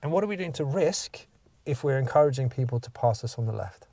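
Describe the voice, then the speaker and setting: Fast-talking gravelly instructor. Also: male voice, medium pitch, lively intonation, warm tone, dry recording. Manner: explains step by step, asks leading questions. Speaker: driving instructor. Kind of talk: spoken feedback after a mock driving test.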